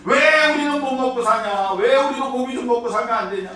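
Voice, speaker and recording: A man doing a whiny high-pitched little boy. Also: little pitch movement, slow, sharp tone, distant mic, a little hiss or hum, exaggerated voice. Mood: whining. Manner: petulant, whining. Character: whiny young boy complaining to his mother. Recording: echoey church hall from afar.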